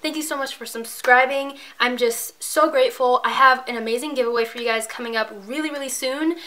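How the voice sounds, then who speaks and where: A woman's voice: sits high, fairly even intonation, brisk, pushed and bright. A young woman from Tampa chatting casually to camera in a vlog, gushing and bubbly, a bit out of breath and tired. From Tampa, Florida. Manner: gushing, bubbly, repeats "obsessed" and "like". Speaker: beauty YouTuber.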